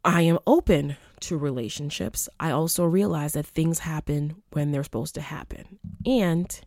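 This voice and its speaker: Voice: mid-range voice, normal speed, darkish tone, dry recording, clean studio sound. A podcast host talking casually on their own, rambling and chatty, with lots of filler words and restarts. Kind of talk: casual solo podcast monologue.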